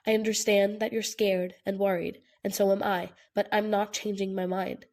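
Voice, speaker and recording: Stubborn protective young man, earnest, gravelly edge, a woman voicing him in an audiobook. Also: medium pitch, little pitch movement, normal speed, a little mellow, natural voice. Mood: determined. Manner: insistent, apologetic.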